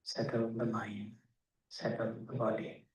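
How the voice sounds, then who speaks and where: In a roomy, echoey recording made from a distance, a man with a fairly low voice and little pitch movement takes listeners through a meditation. His pacing is slow and measured, short phrases separated by pauses, much like a teacher's step-by-step guidance.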